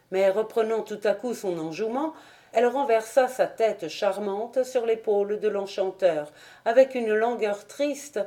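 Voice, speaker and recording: A woman reading a legend aloud as an audiobook narrator, in a measured, expressive way. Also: mid-range voice. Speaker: audiobook reader.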